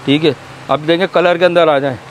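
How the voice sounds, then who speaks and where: Cloth seller, male, 30s; keen, repetitive pitch, off-mic in a warehouse. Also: fairly even intonation, brisk, slight background noise. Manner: eager, repetitive product praise. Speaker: cloth shopkeeper. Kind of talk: sales pitch to a video host. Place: cramped indoor fabric warehouse.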